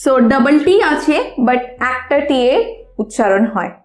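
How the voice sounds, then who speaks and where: A woman's voice: high voice, darkish tone, echoey room, soft background music. A woman teaching English pronunciation in a lesson, spelling out words letter by letter. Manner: slow, spelling out letters one by one. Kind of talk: spoken language lesson.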